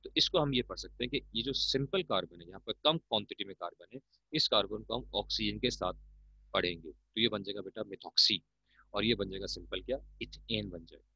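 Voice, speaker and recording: A man's voice: on the low side, a little fast, vocal fry, pushed and bright, husky, no echo. A man with a Pakistani Urdu accent teaching chemistry, explaining patiently and calling his students "beta". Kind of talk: classroom lecture. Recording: muffled, dull lo-fi recording.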